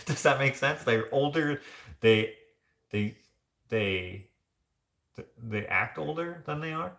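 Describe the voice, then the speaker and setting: A man's voice: medium pitch, expressive, slow pace, vocal fry, pauses often, fairly bright tone, reverberant. A man hosting a casual live vlog, chatting loosely and rambling with many fillers and restarts as he reads viewer comments. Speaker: vlogger.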